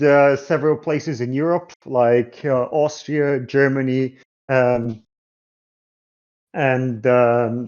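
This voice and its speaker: A man's voice: medium pitch, darkish tone. Hesitant man on a dull lo-fi line. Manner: explains findings with frequent hesitations. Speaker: guest analyst. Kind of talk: casual discussion.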